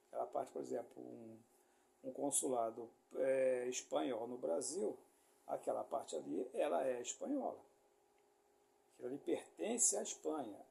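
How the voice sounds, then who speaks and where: Male preacher, Rio accent, gravelly and mellow, conversational rambling teaching style. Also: mid-range voice. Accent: Brazilian Portuguese, Rio de Janeiro. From Rio de Janeiro, Brazil. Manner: explanatory, rambling, many fillers and tag questions. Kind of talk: informal sermon teaching.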